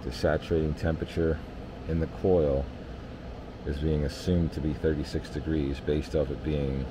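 A man, an HVAC technician, giving a relaxed hands-on explanation of system readings in a basement furnace area, with lots of fillers. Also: very deep voice, moderate pace, noisy background.

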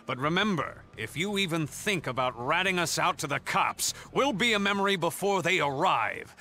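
A cheeky thief leader in a game, fake British accent, breezy theatrical teasing, fairly high voice, bright tone, very lively pitch. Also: male voice, normal speed, faint music behind. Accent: put-on stereotypical British. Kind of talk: game voice acting.

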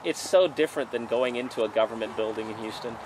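Speaking fast in a mid-range voice, this forties-aged pastor reads Bible passages aloud and then preaches in a conversational style. The outdoor sermon takes place under a tent canopy, filmed from afar by a camera with background noise audible.

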